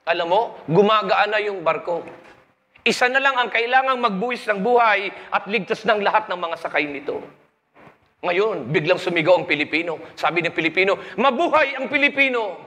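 A man's voice: high voice, normal speed, fairly bright tone. A Filipino man, preaching a sermon with joking stories and English phrases, recorded in an echoey hall. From Philippines. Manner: storytelling with jokes, switching to English.

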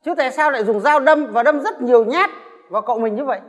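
An actor playing a judge who questions a defendant in formal, stern tones. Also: male voice, extremely high pitch, fast, big-room sound. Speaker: judge presiding at a trial. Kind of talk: dramatized courtroom questioning.

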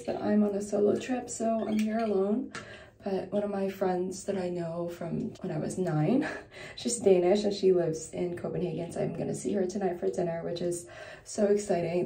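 Twenties woman rambling about her trip, warm low-key voice, echoey room. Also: creaky, a little hiss or hum. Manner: chatty, upbeat, run-on storytelling. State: groggy, just woke up, soft low voice. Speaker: travel vlogger. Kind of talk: casual travel vlog narration.

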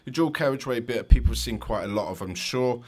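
A man's voice: mid-range voice, animated, fast, husky. A man with a London accent, a driving instructor giving chatty, explanatory commentary over driving test footage with light jokes.

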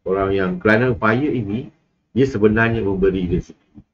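A man's voice: on the low side, a little fast, highs cut off, slight background noise. A man with a Malaysian accent lecturing a class in a casual, rambling way, full of fillers and asides. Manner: rambling, with many fillers and laughs.

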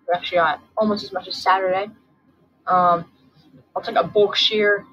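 A woman's voice: mid-range voice, fairly even intonation, moderate pace, a little hiss or hum. A woman with a sore throat, just woken up, hosting a casual weather forecast and thinking aloud as she goes. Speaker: channel host. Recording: dull lo-fi recording with soft background music.

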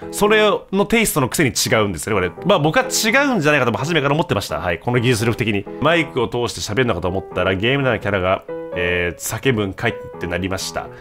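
A man doing casual, mocking gameplay commentary as a streamer, breaking into sudden loud outbursts. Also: medium pitch.

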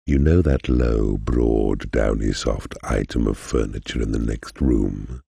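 An actor playing a huge, sinister demonic mentor in a video game, giving sardonic, drawn-out advice in a gravelly, husky growl. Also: male voice, extremely low pitch, mellow, no echo, studio quality, exaggerated voice. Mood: sardonic, weary. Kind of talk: scripted video game narration.

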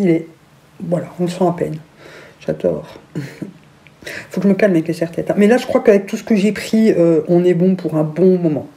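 A woman's voice: on the low side, warm tone. A woman vlogger chatting casually through a haul review, gushing with enthusiasm over each item.

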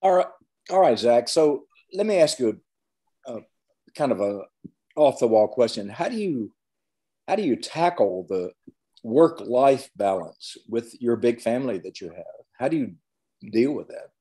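An older male physician with hiccups, interviewing gently and haltingly over a video call from a cabin. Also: mid-range voice, big pitch swings, breathy edge. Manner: gentle, halting, many restarts.

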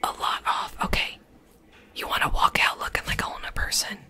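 A woman doing a whispered role-play as an attentive, reassuring hairdresser, speaking in a soft ASMR whisper with short, repeated phrases. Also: fairly quick. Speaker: ASMR performer playing a hairdresser.

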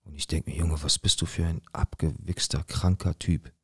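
A young man acting out a rough-talking, paranoid drug dealer who tells his own story in a dramatic monologue full of slang and swearing. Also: low-pitched, moderate pace, a little mellow, dry recording, studio quality. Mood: tense. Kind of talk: dramatic first-person monologue.

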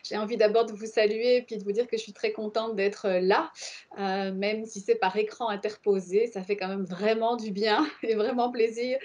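A woman's voice: mid-range voice, steady tone, normal speed, darkish tone. A woman in her forties from Belgium with a Belgian French accent, introducing herself as a professor on an online panel over a laptop mic, talking fluently with small fillers. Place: home room, indoors. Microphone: laptop webcam mic, video call.

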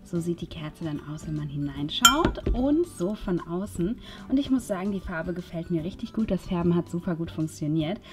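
Calm woman explaining a craft. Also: lowish voice, moderate pace, hardly any pauses, loud music behind the voice. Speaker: DIY channel host. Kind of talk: crafting tutorial narration.

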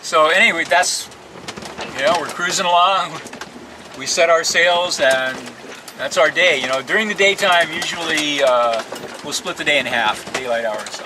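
A man's voice: fairly high pitch, normal speed. An older man casually explaining life at sea on a sailboat, talking easily while he films. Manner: easygoing, explains plainly while filming. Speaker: sailing vlog co-host. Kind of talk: casual chat. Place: cockpit of a sailboat at sea, outdoors. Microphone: camera mic. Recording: camera audio with clear wind and sea noise.

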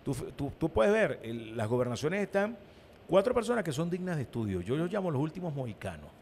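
A man's voice: fairly high pitch, very animated, fairly quick, vocal fry, a little mellow, a little hiss or hum. A Venezuelan man, an opposition party leader, speaking as a guest in a political interview, emphatic and given to repeating his words.

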